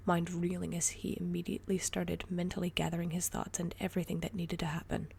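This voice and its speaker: A woman reading a story aloud in a soft, breathy whisper. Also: fairly low pitch, completely flat delivery, fairly quick, a little hiss or hum. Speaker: story reader.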